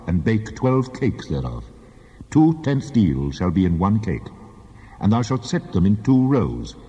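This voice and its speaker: God, solemn, cavernous, deep voice. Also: male voice, mellow, slightly rough. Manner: solemn, authoritative, declamatory. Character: God, solemn commanding male deity giving laws. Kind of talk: dramatized scripture reading, formal archaic speech. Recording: long cavernous reverb on the voice.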